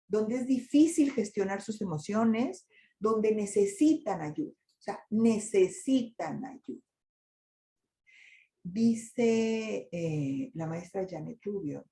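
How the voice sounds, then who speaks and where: A woman's voice: lowish voice, vocal fry, dark tone, roomy sound. An older woman giving a talk to an audience, asking rhetorical questions as she goes. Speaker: lecturer on migration and grief. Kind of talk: presentation to an audience with slides.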